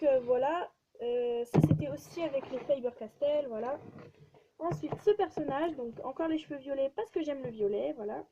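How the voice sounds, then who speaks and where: A woman's voice: high-pitched, mellow. A teenage girl chatting casually and rambling as she shows her drawings, with many fillers and restarts. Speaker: vlogger showing her drawings. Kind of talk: casual chat. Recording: dull lo-fi sound with faint noise.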